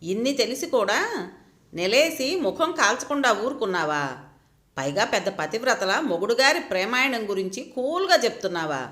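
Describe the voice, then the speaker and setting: Indignant, scolding friend, high and lively , as a woman reader puts her on. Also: moderate pace. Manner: angry, scolding.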